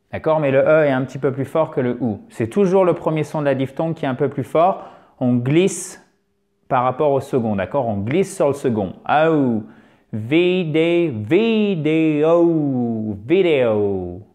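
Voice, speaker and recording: Lively French-speaking man teaching English. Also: on the high side. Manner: animated, exaggerated pronunciation drills. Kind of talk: video lesson in French.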